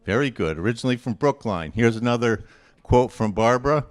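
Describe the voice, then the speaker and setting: A man hosts a quote quiz, reading quotations aloud and chatting informally with a group. His mid-range voice is animated, though his conversational delivery stays deliberate.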